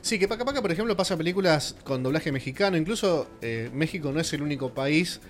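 This Argentine-accented man co-hosts a laid-back radio panel, explaining things at length and filling his speech with fillers. His voice sits on the high side, animated and quick. Faint music plays behind him.

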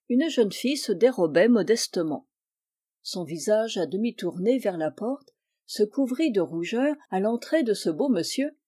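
A woman reading a classic novel aloud as an audiobook narrator, measured and expressive. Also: mid-range voice, slightly rough. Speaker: audiobook reader.

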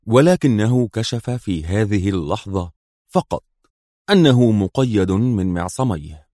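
Low-voiced male audiobook narrator. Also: mellow, no room sound, clean studio sound. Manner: measured, dramatic storytelling.

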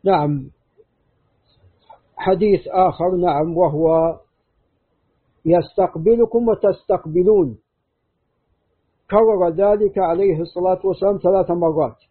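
A man with a fairly high, husky voice lectures as a scholar, walking through narrator chains in a steady, methodical way. The sound is thin and tinny, like a phone line. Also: measured pace, long pauses. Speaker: hadith scholar teaching. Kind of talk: scholarly lecture with student questions.

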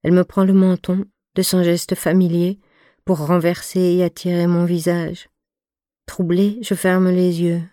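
A woman narrating a novel in the first person in a calm, measured reading voice in a recording studio. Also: fairly low pitch, no echo. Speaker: audiobook narrator. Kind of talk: scripted literary narration.

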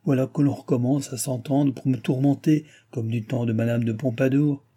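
A man's voice: medium pitch, fairly even intonation, moderate pace, mellow, close to an everyday voice. A man voicing an aging, evasive king in an audiobook, exclaiming in exasperation. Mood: exasperated. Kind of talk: audiobook reading.

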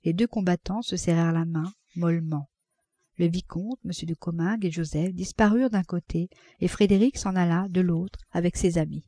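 A woman reading a classic novel aloud as an audiobook, in a measured narrating voice. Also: no room sound, clean studio sound. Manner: measured, voices characters with raised pitch and loudness. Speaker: audiobook reader.

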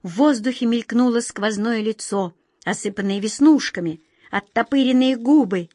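Expressive woman reading a fairy tale. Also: fairly high pitch, moderate pace, dry recording, studio quality. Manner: expressive storytelling. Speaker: narrator.

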